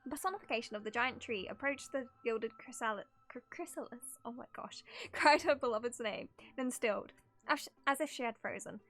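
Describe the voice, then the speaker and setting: A woman streamer dramatically reads game story text aloud, breaking in between passages with giggly, amused, casual live reactions. Her voice is a little high and a little fast, with a fairly bright tone.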